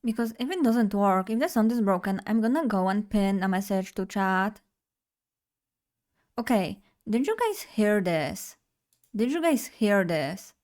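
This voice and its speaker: Sitting at a desk mic, a young woman from Poland streams as a vtuber, talking bubbly and directly to her live chat. Her mid-range voice is animated and darkish in tone, and she keeps a measured pace.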